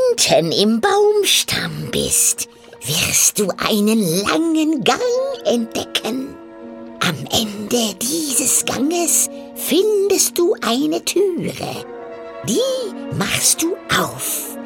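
A croaky old storybook witch, cackles, squeals way up high, slow and sly. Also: wildly swooping pitch, soft background music, full character voice. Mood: coaxing. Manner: wheedling, cackling, sudden shrill rises.

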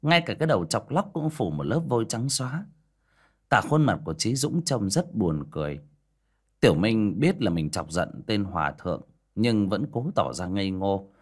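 Lively low-voiced male storyteller. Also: normal speed. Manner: animated, dramatic reading. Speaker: audiobook narrator. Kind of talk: storytelling narration.

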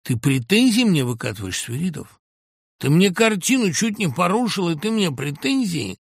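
A man reading an audiobook, voicing a loud, hysterical middle-aged male producer who rants and bullies. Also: medium pitch, big pitch swings, slow, slightly rough, no echo, heavily acted. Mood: ranting furious. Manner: ranting, shouting, bullying.

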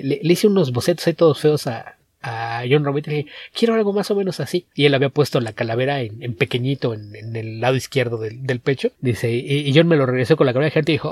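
A husky-voiced man co-hosts a casual podcast, speaking close to the mic in a dry room. He talks at length and in detail, circling back and restarting his sentences as he goes. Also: mid-range voice, darkish tone, dry recording. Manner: knowledgeable, digressive, frequent restarts. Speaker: podcast co-host. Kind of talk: casual chat.

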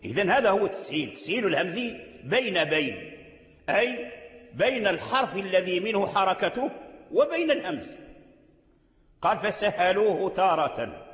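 A man's voice: high-pitched, very animated, moderate pace, a bit bright. A man with a Moroccan accent teaching Quran recitation rules. He repeats words several times and stretches out the sounds to show how they are pronounced. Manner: repeats and drawls out sounds to demonstrate pronunciation. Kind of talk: explanatory lesson on recitation rules. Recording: echoey hall with long reverb.

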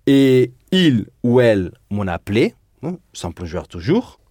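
A man's voice: medium pitch, sing-song, a little slow, mellow, dry recording, studio quality. A man teaching a Spanish lesson in French, patiently drilling verb endings and repeating students' answers. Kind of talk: language lesson drilling conjugations.

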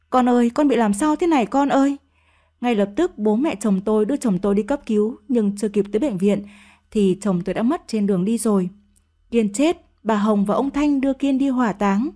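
A woman reading a first-person story aloud in a steady, emotive storytelling manner. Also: medium pitch, a little fast.

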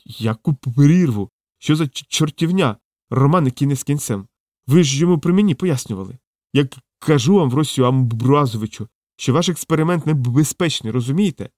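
A man reading an audiobook, voicing a kindly old male wizard who stammers and talks slowly. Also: medium pitch, animated, dry recording, clean studio sound, close to an everyday voice. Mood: exasperated. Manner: stammering, slow, gently exasperated. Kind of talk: audiobook character voice.

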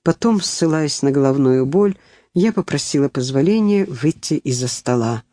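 A reader narrating a first-person novel in a tender, measured storytelling manner. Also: medium pitch, lively intonation, warm tone, dry recording, studio quality. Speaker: audiobook reader.

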